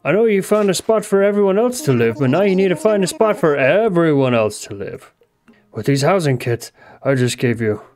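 A man's voice: fairly high pitch, lively intonation, moderate pace, darkish tone, soft background music, close to an everyday voice. A man voicing a scheming raccoon shopkeeper and landlord in a lightly raised, mock-polite voice.

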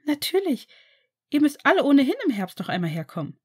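A woman reading a storybook, voicing a cheerful foster mother in a raised, lively voice. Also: high-pitched, brisk, voice pushed up.

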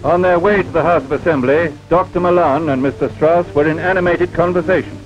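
A man giving formal, measured commentary for an old 1950s newsreel. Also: a little high, steady tone. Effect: old 1950s newsreel recording. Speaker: newsreel narrator. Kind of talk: scripted newsreel narration. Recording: dull lo-fi newsreel sound with music. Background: music.

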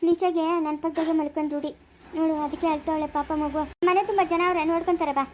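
A woman's voice: very high voice, fairly even intonation, a little mellow, slight background noise. A woman, acting as quarrelsome village women in a family drama, scolding and complaining. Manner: scolding, complaining rapid speech. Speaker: family skit actor.

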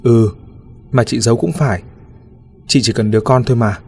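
A man's voice: mid-range voice, normal speed, gravelly, darkish tone, husky, faint music behind. A man voicing a nosy, blunt middle-aged village woman who pries in a familiar, gossipy way, in a spoken ghost story. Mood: friendly. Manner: prying, familiar.

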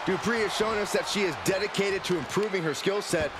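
A man's voice: sits high, brisk, very noisy, lightly acted. A man giving dramatic, exclamatory wrestling commentary for a video game. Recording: loud music and crowd behind. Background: arena crowd, music, ring thuds.

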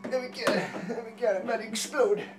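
A cranky, ditzy portrait photographer, played by a woman for a school comedy sketch, whining and exclaiming about her customers in a high, piping voice. She is heard from a distance in a roomy, echoing space. Music plays behind her. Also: fairly even intonation, fast, lightly acted. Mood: exasperated. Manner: whiny, keeps exclaiming "oh my God". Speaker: sketch actor.

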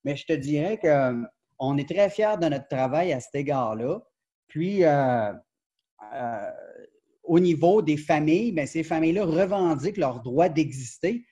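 A man in his forties with a Quebec French accent speaks over a webcam from a sunroom. His voice is mellow and slightly husky, a bit high for a man, and he talks animatedly with frequent fillers and self-corrections as he explains his research. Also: measured pace. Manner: animated, gestures a lot, many fillers and restarts. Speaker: professor and book author, guest. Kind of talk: academic interview over video call. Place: glass-walled sunroom indoors. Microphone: video call webcam.

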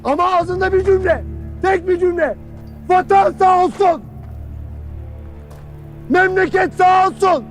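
An actor playing a stern army captain who berates his soldiers with harsh scolding and sudden shouts. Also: very high voice, a little slow, long pauses, faint music behind. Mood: berating. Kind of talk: film drama acting.

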